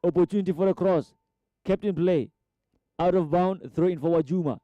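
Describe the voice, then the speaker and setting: A man's voice: high voice, moderate pace, no echo, lo-fi sound. A man giving live football play-by-play, repeating player names and rising sharply at chances. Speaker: football commentator. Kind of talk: live match commentary.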